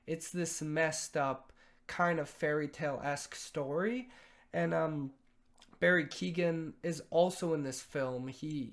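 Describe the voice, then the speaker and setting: Slow, hesitant young man reviewing films. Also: fairly high pitch. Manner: hesitant, many fillers and restarts. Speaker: film reviewer. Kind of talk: casual spoken film review.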